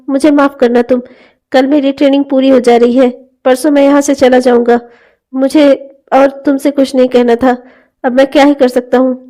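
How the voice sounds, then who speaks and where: An earnest, devoted young man from a cartoon family drama, voiced by a woman. He speaks slowly and gently, with a high but mellow tone that stays soft. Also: close to an everyday voice.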